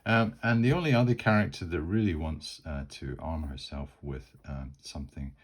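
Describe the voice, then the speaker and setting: A man from Scotland narrating a solo tabletop game and rolling dice as he goes. His voice sits very low and husky, and his telling rambles, full of fillers and restarts. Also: normal speed. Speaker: solo game master and player.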